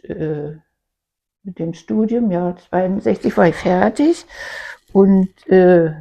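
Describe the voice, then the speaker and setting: An elderly East German woman in her eighties casually recounting her life, halting and searching for words as a grandmother does. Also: medium pitch, expressive, creaky, warm tone. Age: 80s. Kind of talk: casual personal reminiscence. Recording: dull lo-fi home recording.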